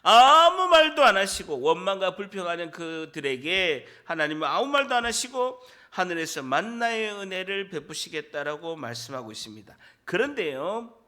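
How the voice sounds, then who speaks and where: A man's voice: fairly high pitch, big pitch swings, normal speed, bright, forceful tone. A Korean man preaching a Sunday sermon in church, repeating key words and quizzing his congregation. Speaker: pastor. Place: church sanctuary.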